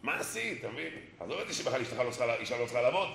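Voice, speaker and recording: A man giving a Torah sermon, animated, acting out dialogue and mimicking people. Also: mid-range voice, gravelly. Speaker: rabbi. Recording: echoey room, faint noise.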